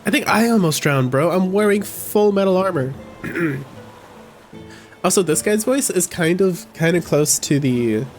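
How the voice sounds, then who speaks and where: A male streamer chatting casually over his gameplay, wry and joking. His voice sits a little high. Soft game music plays behind him. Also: lively intonation, a little slow. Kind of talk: casual live-stream commentary.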